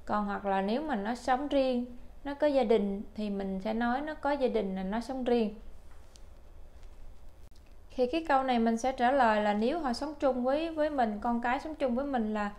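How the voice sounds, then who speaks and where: A Vietnamese-native woman teaching English to older learners, repeating phrases slowly and carefully. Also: on the high side, a little mellow. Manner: slow, careful spelled-out English drills. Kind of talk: language lesson for older learners.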